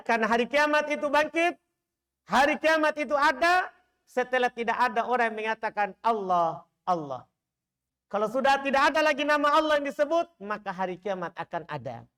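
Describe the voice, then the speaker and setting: Lively male mosque preacher, teasing. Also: extremely high pitch, clean tone. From Indonesia. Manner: lively, teasing the audience, rhetorical questions. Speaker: Islamic teacher. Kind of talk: mosque study lecture.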